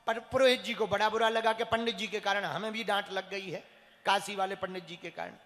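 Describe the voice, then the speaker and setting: A male religious storyteller tells a comic tale in a lively way and acts out its characters. His voice is very high and bright. It comes through a PA in a hall with long reverb. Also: a little fast, faint music behind.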